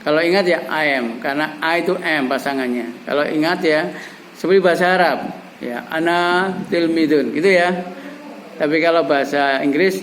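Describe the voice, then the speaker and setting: A man's voice: a little high, moderate pace, fairly bright tone, a little hiss or hum, rough recording. A middle-aged man teaching an English class, coaxing his students with repeated examples and prompting questions. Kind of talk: classroom language lesson.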